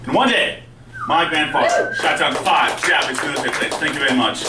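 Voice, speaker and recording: A man doing conversational, self-deprecating stand-up storytelling, with a speech impediment that softens his R's toward W. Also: a little high, brisk. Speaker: stand-up comedian. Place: indoor live stand-up venue with audience. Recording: roomy live club, distant mic, faint noise.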